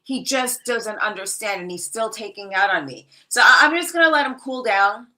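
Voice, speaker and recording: A woman's voice: mid-range voice, animated, normal speed, a loud crowd, rough recording. A middle-aged woman guest chatting casually on a wrestling podcast, brash, joking and candid.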